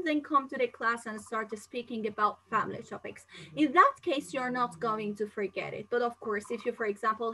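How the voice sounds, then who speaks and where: Woman from Singapore, live-stream English exam tutor; chatty, filler-heavy delivery, bright and fairly high-pitched. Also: poor audio. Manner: chatty, reads viewer questions aloud and answers them; frequent fillers and restarts, non-native phrasing. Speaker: English teacher.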